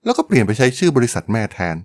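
A man's voice: medium pitch, wildly swooping pitch, rapid-fire, a little mellow. A man hosting a podcast, telling a business history story in a polite, chatty way with frequent exclamations. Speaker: podcast host.

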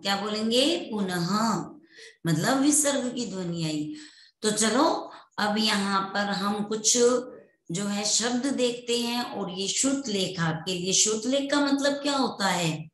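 Woman, primary school teacher, unhurried, patient repetition, mid pitch, roomy echo. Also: fairly bright tone. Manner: slow and patient, repeating words for children to echo. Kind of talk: online class lesson for young children.

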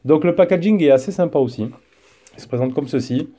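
A man casually reviewing a gadget as he unboxes it, chatty and relaxed, with frequent fillers. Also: fairly high pitch, fairly quick. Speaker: tech reviewer. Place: indoor desk setup.

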